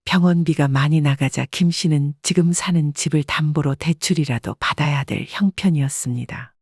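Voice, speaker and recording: A storyteller giving a measured, scripted audiobook narration in an even delivery. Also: medium pitch, breathy edge, dry recording, clean studio sound.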